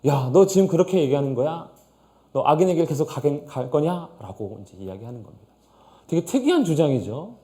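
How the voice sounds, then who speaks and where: A man's voice: on the high side, a little fast. A male pastor teaching a Bible study in a conversational way, asking his listeners questions and acting out quoted speech. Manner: acts out quoted speech in lively voices.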